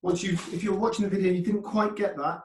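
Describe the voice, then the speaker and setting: A fitness instructor coaches a workout with short, clipped commands, counts and form cues, checking in encouragingly. His voice sits high and is a little mellow, with fairly even intonation and a fast delivery, heard from a distance in an echoey indoor room.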